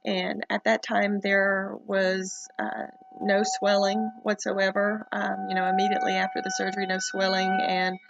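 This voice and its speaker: Gravelly-voiced woman, casual and halting. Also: medium pitch, big pitch swings, muffled recording. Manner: hesitant, halting, with many pauses. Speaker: vlogger documenting recovery from eyelid surgery. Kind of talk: casual first-person update to camera.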